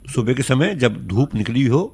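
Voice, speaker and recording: A man's voice: medium pitch, moderate pace, warm tone, breathy edge. A North Indian man giving courteous, instructive advice as an expert on a phone-in, repeating key points. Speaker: agriculture expert.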